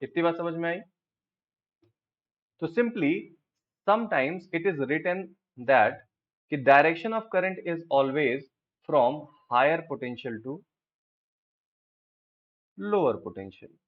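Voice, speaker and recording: A man with an Indian accent teaching physics, explaining step by step and asking his students quick check questions. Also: a little high, lively intonation, phone-quality sound. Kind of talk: classroom lecture, Hindi-English mix.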